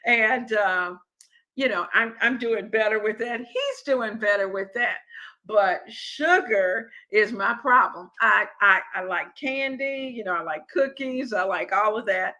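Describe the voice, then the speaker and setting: Chatty middle-aged lady cooking host, bright voice, kinda high, rambles and restarts a lot. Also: unhurried, low-quality recording. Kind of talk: live-stream chat with viewers.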